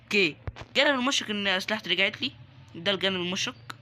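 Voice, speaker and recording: A young man with an Egyptian Arabic accent commentating his game, excitable and joking as he taunts other players. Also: sits high, rapid-fire. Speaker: gaming YouTuber. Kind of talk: live Roblox gameplay commentary.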